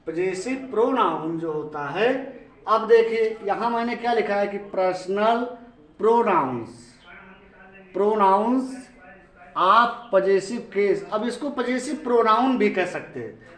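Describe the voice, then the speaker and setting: A man with a Hindi accent teaching English grammar in a classroom lecture, speaking slowly and repeating himself while quizzing his class. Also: high-pitched, fairly bright tone, echoey room, recorded from a distance, poor audio. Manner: slow, repetitive, asks the class questions.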